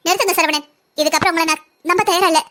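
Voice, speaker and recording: A woman's voice: very high voice, fairly even intonation, very fast, bright, forceful tone. A woman voicing a firm, righteous young wife in a cartoon, speaking sternly. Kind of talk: cartoon voice acting.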